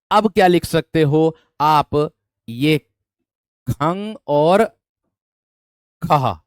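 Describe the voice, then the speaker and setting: With a clear, resonant, medium-pitched voice, a male teacher leads an online exam-prep class, calling students "my friend," asking for thumbs up, and repeating questions to drill them. The recording is dry.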